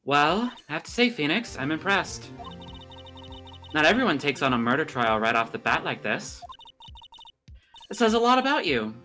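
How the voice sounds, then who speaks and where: A man playing a composed, supportive mentor attorney in a video game, measured and approving. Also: on the high side, very animated, bright, forceful tone, soft background music. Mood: calm, impressed.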